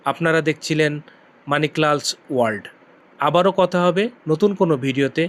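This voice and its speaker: A male language teacher, saying each phrase slowly and repeating it for learners. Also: a little high. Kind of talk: slow repeat-after-me lesson.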